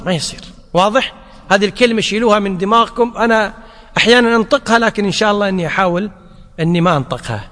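High-voiced man teaching in a reverberant hall. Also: fairly bright tone. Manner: repeats points, often checks understanding with the class. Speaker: teacher of Arabic grammar. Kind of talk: classroom lecture. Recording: long reverb of a large hall.

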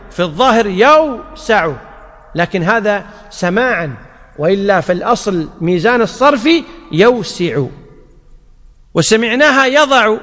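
A man with a fairly high voice leads a grammar lesson. He explains each rule step by step and asks rhetorical questions that he answers himself. His voice trails off into a long reverb. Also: a bit bright. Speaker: Arabic grammar teacher. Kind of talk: classroom lesson.

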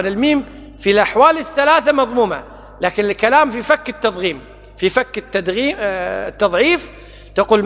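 A man teaching a classical grammar text, stretching example words slowly and repeating each form. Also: high-pitched, a bit bright, long reverb tail.

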